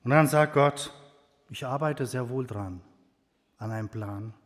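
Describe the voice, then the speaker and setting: German preacher in a reverberant hall. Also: male voice, a little slow. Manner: swings between loud emphatic bursts and quiet low asides. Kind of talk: sermon with Bible reading.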